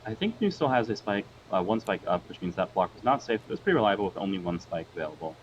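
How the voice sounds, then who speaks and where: Quick talking guy breaking down card game plays, kinda low voice, muffled lo-fi internet audio. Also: sing-song, slight background noise. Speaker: co-caster. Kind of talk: casual game commentary. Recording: dull lo-fi sound from a weak connection.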